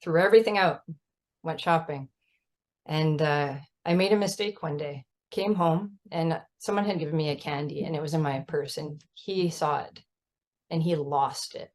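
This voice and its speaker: A mother talks about her child's type 1 diabetes in a relaxed video-call conversation, storytelling earnestly and emphatically with frequent "right?"s. She has a deep voice and speaks at normal speed.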